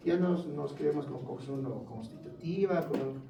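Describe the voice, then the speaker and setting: A man's voice: fairly high pitch, gravelly, far from the mic, background noise. Man lecturing from across an echoey classroom. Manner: quizzing students with quick questions and answers. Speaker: pharmacology lecturer. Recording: echoey room, voice from off-mic.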